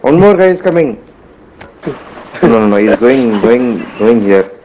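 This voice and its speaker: A man's voice: mid-range voice, sing-song, measured pace, dark tone. A man with a South Indian accent chatting casually with his squad during an online game over a muffled voice-chat mic. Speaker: squad gamer. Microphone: gaming voice-chat microphone. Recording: muffled gaming headset mic, faint noise.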